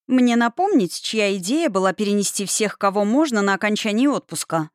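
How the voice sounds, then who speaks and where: A woman's voice: medium pitch, lively intonation, fairly quick, dry recording, studio quality, lightly acted. A woman reading as a strict, teasing young businesswoman.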